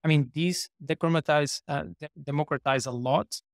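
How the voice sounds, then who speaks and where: A man's voice: a little high, fairly even intonation, normal speed, dry recording, studio quality. A man in his thirties from Portugal, a startup co-founder, chatting as a podcast guest with many fillers and restarts. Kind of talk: casual interview talk.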